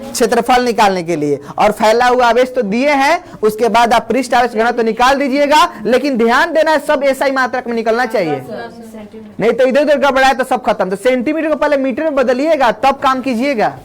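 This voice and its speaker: A physics teacher in a classroom, dictating definitions slowly and repeating phrases, quizzing the class and calling students friend. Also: sits high. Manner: asks the class questions and calls them friend.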